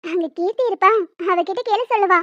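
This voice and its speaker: A woman's voice: extremely high pitch, brisk, dry recording. A woman voicing a bossy pregnant young woman in a cartoon, firm and persuading. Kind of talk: cartoon dialogue. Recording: dull lo-fi dry sound.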